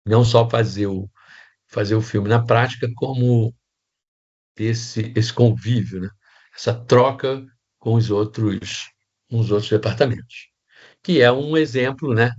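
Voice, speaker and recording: Speaking unhurriedly in a mid-range, slightly mellow voice, a Brazilian Portuguese-accented man leads an informal online set design class. The audio is dull, and his talk wanders, full of restarts and tag questions.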